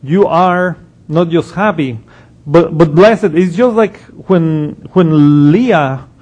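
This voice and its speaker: A man with a slightly high, somewhat mellow voice speaks slowly as he preaches an expository sermon. He works through scripture verse by verse, often restarting and quoting passages.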